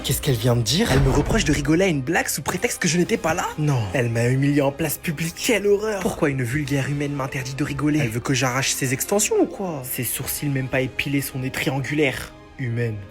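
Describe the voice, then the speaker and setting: A man's voice: medium pitch, expressive, fast, hardly any pauses. Indignant man ranting over music. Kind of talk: comic rant monologue.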